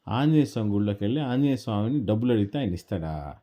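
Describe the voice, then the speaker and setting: A sad, stubborn orphan boy from a bedtime story, his voice pushed a little higher and louder than the storyteller's own, as a man puts him on. The tone stays dark and mellow underneath. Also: steady tone, a little fast, lightly acted. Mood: irritated. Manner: raised, plaintive, slightly higher voice. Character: poor orphan village boy, upset and stubborn.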